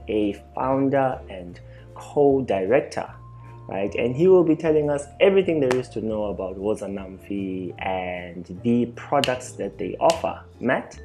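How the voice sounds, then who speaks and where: A man's voice: mid-range voice, a little mellow. Young man, host, eager, many uh fillers, video call. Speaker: host, interviewer. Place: small room indoors. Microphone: webcam on a video call.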